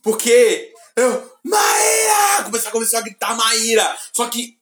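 A man with a deep voice, co-hosting a podcast and telling stories with excitement and sudden shouted bursts. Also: moderate pace. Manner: excited storytelling, bursts of shouting when retelling. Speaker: podcast co-host. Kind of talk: casual chat. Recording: roomy echoey room.

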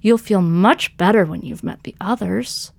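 A woman's voice: medium pitch, measured pace, creaky, darkish tone, dry recording. A woman voicing a domineering female cat who gathers small animals as minions, purring and coaxing in a possessive way. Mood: commanding.

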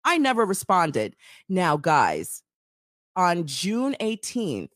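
A woman's voice: lowish voice, wildly swooping pitch, takes it slowly, no room sound, clean studio sound. A woman co-hosting a podcast, telling a personal story in casual chat and acting out the quoted dialogue.

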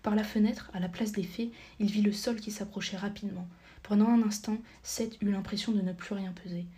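A woman narrating a storybook audiobook, reading steadily and sometimes dropping to a soft, near-whispered tone. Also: medium pitch, a little fast. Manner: steady reading, drops to a soft near-whisper at times, corrects small slips. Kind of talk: scripted narration.

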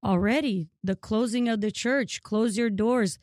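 A woman's voice: a little high, measured pace, darkish tone, no room sound. Earnest Ukraine-born woman, dry close mic. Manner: earnest, frequent fillers and restarts. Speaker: guest. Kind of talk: casual interview.

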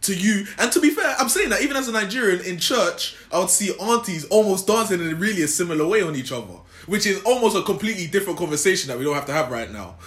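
A man's voice: high-pitched, lively intonation, fast talker, hardly any pauses, fairly bright tone. A young man with a London roadman accent, chatting casually with slang. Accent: London, Multicultural London English roadman. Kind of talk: casual chat in street slang. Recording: echoey room.

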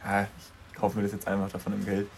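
A young man co-hosting a podcast in casual chat, animated and quick to laugh as he tells stories. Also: lowish voice, creaky, slight background noise. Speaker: podcast co-host.

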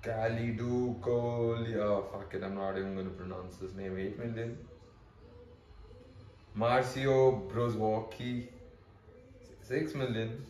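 A man's voice: fairly low pitch, fairly even intonation, measured pace, pauses often, darkish tone, slight background noise. A young man with an Indian accent talks casually and swears freely while reading out card stats. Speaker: vlogger. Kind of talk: casual card-opening commentary. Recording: echoey room.

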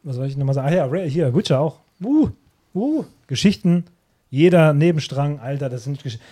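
A man chatting on a podcast, rambling excitedly and acting out quoted characters. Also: on the high side, fairly quick, husky. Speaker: podcast co-host. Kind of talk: casual chat.

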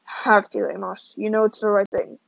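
A woman's voice: mid-range voice, flat delivery, moderate pace, vocal fry, no room sound, muffled recording. A woman reading aloud and voicing a tense father who speaks in a firm, insistent way.

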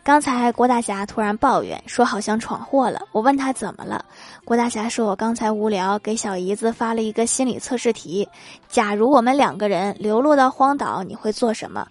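A woman's voice: on the high side, fairly quick, darkish tone. A woman hosting a comedy segment, reading funny everyday anecdotes and laughing at her own punchlines. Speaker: host.

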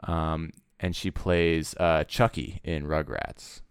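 Deep-voiced man in casual chat. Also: level tone, slow pace, smooth, dry recording, clean studio sound. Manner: enthusiastic, rambling with fillers. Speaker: podcast co-host.

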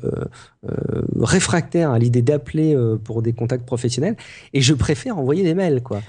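A man's voice: mid-range voice, moderate pace, darkish tone, husky. A man co-hosting a podcast in casual chat, talking hesitantly with many fillers and restarts. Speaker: podcast co-host.

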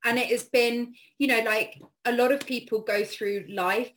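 A woman's voice: fairly high pitch, steady tone, moderate pace, fairly bright tone. Earnest, reflective woman guest. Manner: earnest, reflective, frequent you know and like. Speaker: interview guest. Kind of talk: casual reflective conversation.

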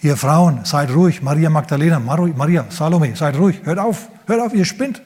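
A man voicing a frightened, overwrought disciple who scolds the women in a shrill, agitated voice. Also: expressive, a little fast, a little mellow, breathy edge, in a large hall. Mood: agitated scolding.

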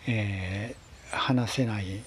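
A man with a husky voice, telling a story in a casual, polite monologue with gentle pauses. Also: fairly low pitch, fairly even intonation. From Kansai, Japan. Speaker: solo talk show host.

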